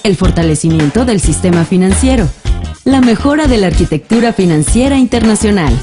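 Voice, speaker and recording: A woman with a Mexican accent giving scripted news narration in a measured, formal delivery. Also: medium pitch, expressive. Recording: narration over clear music.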